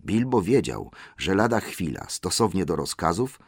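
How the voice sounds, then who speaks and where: Low-voiced man reading a story. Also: sing-song, moderate pace, breathy edge, dry recording, clean studio sound. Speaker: audiobook narrator. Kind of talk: scripted narration.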